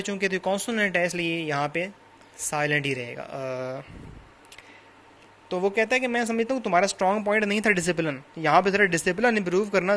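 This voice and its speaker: In a recorded class, a man lectures about a novel with a bright, fairly high-pitched voice. He takes his time explaining English vocabulary, offering translations and synonyms and restating each idea in different words.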